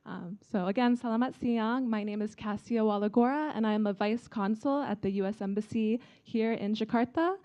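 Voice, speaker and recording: A young adult woman from China, speaking with an American accent, gives a friendly, informal talk to students at an event as an embassy vice consul. Her voice is a little high and dark in tone, quick with few pauses, and the recording is muffled.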